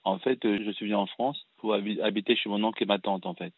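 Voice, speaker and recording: A man in his thirties, originally from Cameroon, calling in to a radio show and telling his story in an earnest, halting way with frequent restarts. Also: on the low side, fairly even intonation, dry recording. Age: 30s. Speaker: caller. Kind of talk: phone-in personal testimony. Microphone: telephone. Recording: tinny phone line.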